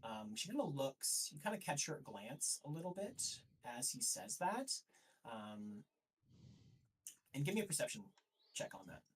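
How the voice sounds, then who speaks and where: A man's voice: mid-range voice, sing-song, measured pace, slightly rough. A man running a tabletop game as dungeon master, narrating hesitantly with many fillers. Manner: hesitant, full of um and sort of. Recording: voice a bit far from the mic.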